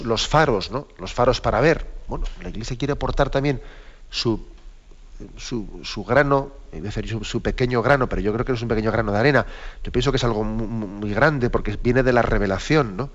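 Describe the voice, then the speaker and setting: Measured man lecturing, lo-fi. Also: medium pitch. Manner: measured, explanatory, many tag questions and restarts. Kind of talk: spoken lecture to a class. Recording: slightly dull lo-fi recording.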